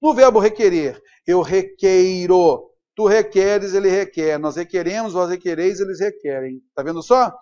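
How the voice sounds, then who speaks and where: A man's voice: high voice, moderate pace, hardly any pauses, dark tone, clear, resonant tone. A man with a Brazilian Portuguese accent teaching a grammar lesson at a whiteboard, upbeat and checking in with his students. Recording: dull lo-fi recording.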